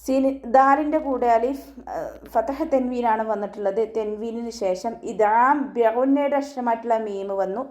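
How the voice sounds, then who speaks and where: Patient female tajweed teacher, higher-pitched voice, calm instructive delivery. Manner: patient step-by-step instruction, ends lines with "kettō"; slow drawn-out chanted recitation of verses. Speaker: Quran recitation teacher. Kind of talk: tajweed lesson, explaining and reciting.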